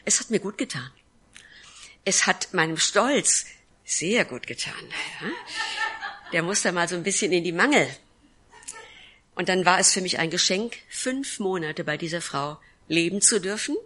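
A woman's voice: on the low side, expressive, normal speed, long pauses, pushed and bright. A woman pastor giving an earnest sermon testimony, telling her story and acting out the lines of the people in it. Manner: earnest storytelling with acted-out quotes.

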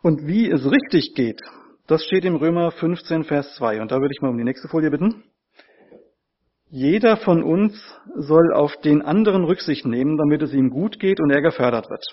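Husky-voiced man preaching a sermon. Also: a little high, lively intonation, moderate pace, lo-fi sound. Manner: earnest, repeats key phrases for emphasis.

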